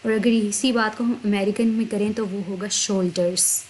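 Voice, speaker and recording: A woman teaching vocabulary, explaining each word in Hindi and repeating it slowly twice. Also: mid-range voice, steady tone, darkish tone, slight background noise, low-quality recording. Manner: slow, drawn-out spelling of words, repeats each word twice. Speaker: English teacher.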